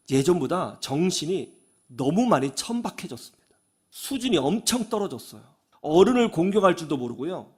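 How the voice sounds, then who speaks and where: A male pastor giving a radio sermon, telling stories in an animated way and acting out the people he quotes. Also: on the high side, husky. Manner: animated storytelling, acts out quoted voices. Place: radio studio.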